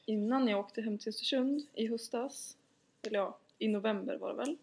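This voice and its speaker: A woman's voice: on the high side, noisy background. A young woman, co-hosting a casual podcast chat in a teasing, rambling, giggly way. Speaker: podcast co-host.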